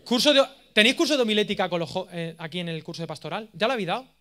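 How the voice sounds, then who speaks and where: High-voiced Spanish man telling jokey stories. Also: rapid-fire. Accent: Spain Spanish. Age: 30s. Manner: animated, self-mocking, jokey. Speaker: course lecturer. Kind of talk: humorous storytelling lecture.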